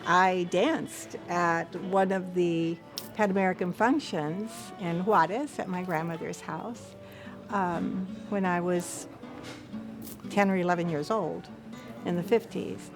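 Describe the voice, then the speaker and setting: A woman's voice: fairly low pitch, takes it slowly. A woman in her seventies, a longtime association member, speaking reflectively in an interview. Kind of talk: interview testimonial. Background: music.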